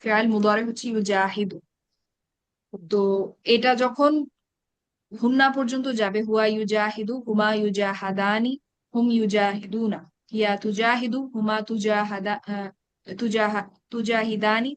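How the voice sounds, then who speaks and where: A woman's voice: medium pitch, fairly even intonation, no echo. Woman teaching grammar, dry close sound. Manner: recites verb conjugations slowly, then explains in quick asides. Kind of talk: online class lecture. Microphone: online meeting call.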